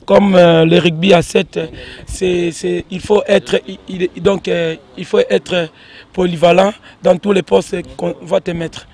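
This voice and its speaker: High-voiced man stumbling through introductions. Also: level tone, a little slow, a little mellow. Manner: hesitant, many fillers and restarts. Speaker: team spokesman introducing players. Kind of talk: casual spoken introductions.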